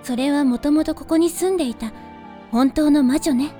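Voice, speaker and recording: A woman voicing a soft, calm and gently teasing young woman who guards a moonlit forest, in a voice drama. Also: high-pitched, normal speed, soft background music, natural voice. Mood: gentle. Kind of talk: voice drama acting.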